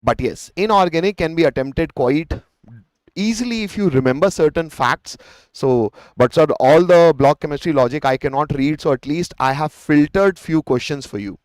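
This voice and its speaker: A male chemistry teacher with an Indian accent gives a live exam-revision lecture, explaining step by step, repeating phrases and posing questions he answers himself. His voice is a little high with a darkish tone at a moderate pace, recorded with no room sound in low quality.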